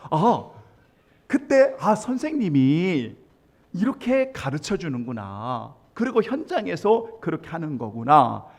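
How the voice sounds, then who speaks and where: A man preaching a sermon as pastor, telling a story and acting out the voices in it, with sudden loud emphatic swells. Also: fairly high pitch, sing-song, slow pace. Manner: acts out quoted voices in the story.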